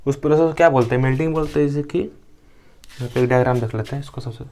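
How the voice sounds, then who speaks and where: A man's voice: medium pitch, fast talker, warm tone. Young man lecturing students, repeating terms. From India. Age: young adult. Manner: asks questions then answers them himself, repeats key terms. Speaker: teacher. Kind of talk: classroom lecture.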